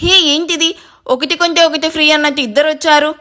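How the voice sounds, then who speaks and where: Storybook groom, young and joking, high and bright as voiced by a woman reader. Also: fairly even intonation, a little fast. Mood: teasing. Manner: teasing, joking. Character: playful teasing young groom.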